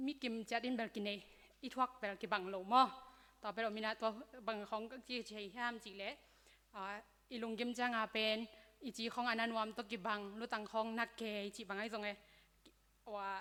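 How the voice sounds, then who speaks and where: A woman addresses a church youth gathering, walking them through health topics in a loose, conversational way full of fillers. Her voice sits a little high and sounds bright and forceful. The sound carries the long reverb of a large hall. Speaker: speaker at a church youth seminar. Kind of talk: informal health talk to young people.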